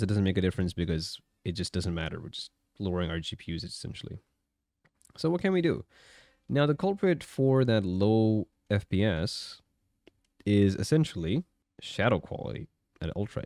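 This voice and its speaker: A man's voice: deep voice, a little mellow, no echo, clean studio sound. A man giving casual hands-on tech commentary, talking conversationally and often checking in with the viewer. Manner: conversational, talks through tests with frequent check-in questions. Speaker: tech reviewer.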